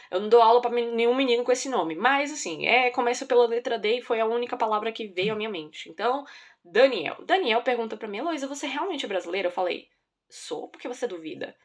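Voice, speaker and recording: A young Brazilian woman who teaches children, telling stories in a casual, lively, self-mocking way with a Brazilian accent. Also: a little high. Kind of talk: casual storytelling vlog.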